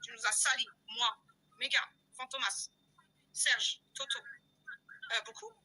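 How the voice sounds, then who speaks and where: A woman hosting her own live stream in a heated rant. Her voice sits high and cuts hard and bright. She talks like a self-proclaimed loudmouth, insulting, repeating and addressing her viewers directly. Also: sing-song, a little slow, poor audio. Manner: loud-mouthed, insulting, confrontational.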